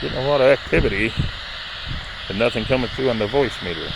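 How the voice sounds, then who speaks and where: A man's voice: mid-range voice, quick pace, vocal fry. A man speaking as a paranormal investigator, addressing spirits and viewers with simple, repeated questions and commands. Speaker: paranormal investigator hosting a spirit box session. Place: outdoors in a cemetery. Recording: very noisy outdoor field recording.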